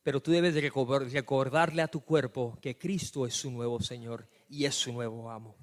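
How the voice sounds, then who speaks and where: A man preaching a sermon as pastor, telling stories and swinging from hushed asides to loud emphatic lines. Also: mid-range voice, fairly even intonation, normal speed.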